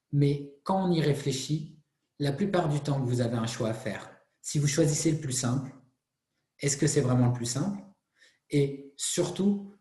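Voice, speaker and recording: A man's voice: mid-range voice, warm tone, echoey room. A man giving a motivational talk in an earnest way, often repeating phrases and restarting words. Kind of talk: motivational presentation.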